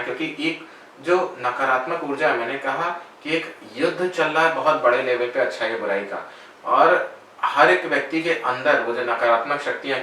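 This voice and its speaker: A man who works as a spiritual guide and meditation teacher, giving calm, measured answers in an interview. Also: mid-range voice. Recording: very echoey room, voice far from mic, faint noise.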